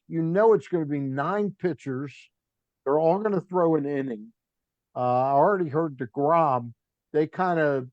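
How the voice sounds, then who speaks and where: A man's voice: a little high, a little mellow, no echo. An older male sports talk host with a chatty, rambling delivery. His voice comes across dull and lo-fi in a dead, dry studio. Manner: chatty, rambling, trails off mid-list. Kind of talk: casual sports talk with live ad read.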